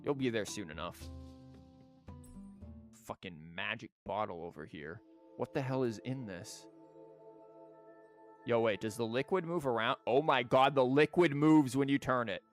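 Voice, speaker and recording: A young man with a medium-pitched voice livestreams a story game, speaking a little slowly with long pauses. He swears and cracks sarcastic jokes at the characters while faint game music plays underneath.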